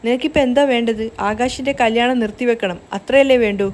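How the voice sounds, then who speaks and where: A scheming young woman who gives orders in a sharp, commanding way, as a woman narrator reads her, her voice fairly high, with faint background hiss under the story recap. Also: fast talker, close to an everyday voice. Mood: bossy.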